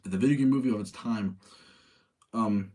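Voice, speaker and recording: At a normal speed and in a lowish, warm voice, a man chats casually while hosting a livestream about movies. He gives rambling, opinionated commentary and repeats points for emphasis.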